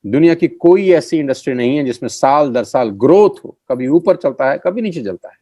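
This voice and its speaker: A middle-aged man gives a motivational sales pitch as a network marketing trainer. He stresses and repeats key phrases. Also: lively intonation, a little fast, dark tone, no room sound, muffled recording.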